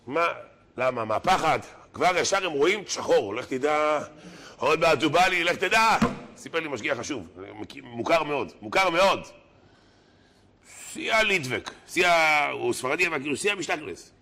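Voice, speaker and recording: Man, rabbi, sermon, humorous anecdotes, animated storytelling, bright tone, slightly high voice. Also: a little hiss or hum. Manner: animated storyteller who acts out quoted people.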